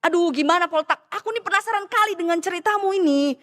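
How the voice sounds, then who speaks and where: A woman preacher voicing a hearty, nosy male friend with a Medan accent, loud and teasing. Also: very high-pitched, quick pace, long reverb tail. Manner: loud, back-slapping and teasing.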